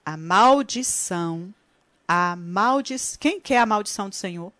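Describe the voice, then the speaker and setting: A woman preaching with fervour at a middle pitch. She lingers over some words and races through others. The recording is dry and close, with no room echo. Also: lively intonation, a bit bright. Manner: fervent, stretches key words slowly then rushes; addresses listeners as sisters. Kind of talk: sermon with prayer and tongues.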